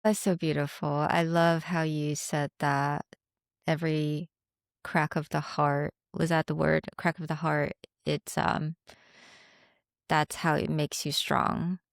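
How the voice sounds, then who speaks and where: A woman hosting a podcast, asking questions in a warm, admiring, unhurried way. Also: low voice, level tone, creaky, no echo, clean studio sound. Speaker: podcast host. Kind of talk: casual interview chat.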